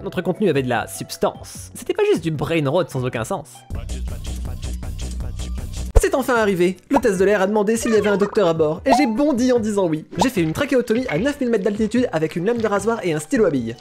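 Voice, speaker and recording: Guy dubbing memes, talks fast, voice bouncing all over, bit of music behind. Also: sits high. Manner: fast, animated, jumping between joke voices. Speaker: meme dubber. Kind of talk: comedic meme voice-over.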